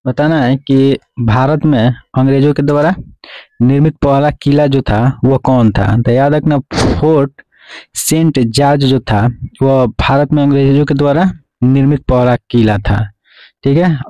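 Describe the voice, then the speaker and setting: Male teacher, mellow tone, dry close recording, quiz drill explainer. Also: medium pitch, unhurried, no echo, poor audio. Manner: repeats "remember" and "okay" as drilled prompts. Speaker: exam-prep teacher.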